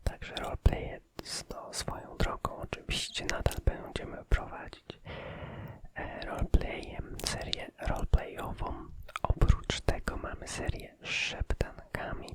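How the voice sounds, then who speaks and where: A man giving a casual ASMR channel update in a soft, unvoiced whisper, phrasing things hesitantly. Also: takes it slowly.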